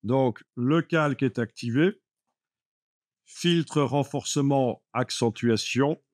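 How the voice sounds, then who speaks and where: A man's voice: medium pitch, slow, a little mellow, no echo, studio quality. A man teaching a live Photoshop class, explaining steps patiently with many fillers like "euh" and "voilà". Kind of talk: live classroom software lesson.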